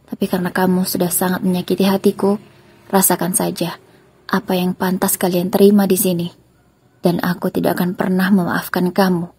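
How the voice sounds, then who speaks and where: A woman's voice: on the low side, level tone, a little fast, a little mellow, slightly rough. A woman voicing a betrayed husband who speaks in a stern, threatening way. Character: betrayed husband, cold and angry.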